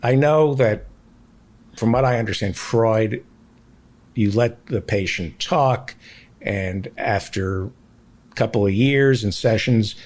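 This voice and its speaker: A man's voice: on the low side, slow pace, long pauses, darkish tone. A man hosting a casual talk show, rambling through questions to his guests. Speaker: podcast host. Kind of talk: casual chat.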